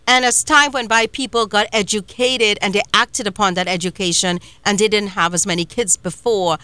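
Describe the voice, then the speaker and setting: Bright, lively woman host from Trinidad. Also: mid-range voice, moderate pace, clean tone, dry recording. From Trinidad and Tobago. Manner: animated, laughing, storytelling. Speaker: show host. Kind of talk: casual interview chat.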